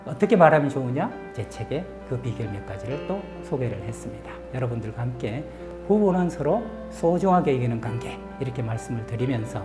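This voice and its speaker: A middle-aged man from the region, a professor and counselor, telling stories in a lively lecture style with rhetorical questions and acted-out quotes. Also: medium pitch, a little fast, music in the background. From Gyeongsang region, Korea. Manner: animated, acts out quoted lines, asks rhetorical questions. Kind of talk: storytelling lecture to camera.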